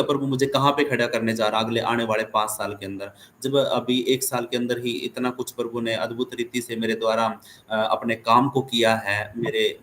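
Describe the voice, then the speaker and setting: A man's voice: medium pitch, a bit bright, a little hiss or hum. Earnest male pastor counseling a caller. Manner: earnest, encouraging, many tag questions. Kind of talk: pastoral counsel on an online call. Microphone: video call.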